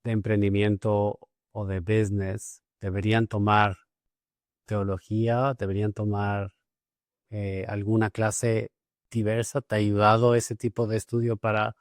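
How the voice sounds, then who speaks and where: A man's voice: fairly low pitch, little pitch movement, measured pace, dry recording, studio quality. A man hosting a podcast interview, talking thoughtfully with many hesitations and repeated words. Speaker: podcast host. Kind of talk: casual interview conversation.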